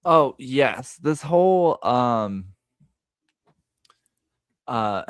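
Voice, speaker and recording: A man's voice: mid-range voice, animated, very slow, clean tone, no echo. Man, casual chat, rambling restarts, dry close sound. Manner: rambling, many restarts, acts out quotes. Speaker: podcast co-host.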